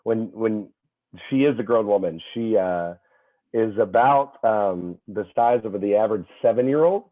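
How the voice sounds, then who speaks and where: A young man, a fitness trainer appearing as a podcast guest, telling stories in an animated way, full of fillers and restarts. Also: on the low side, measured pace. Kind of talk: casual chat. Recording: tinny phone-like call audio.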